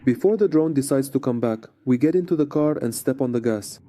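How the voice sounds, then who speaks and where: A man's voice: medium pitch, fairly quick, noisy background. A man narrating a scripted frontline report as a war correspondent.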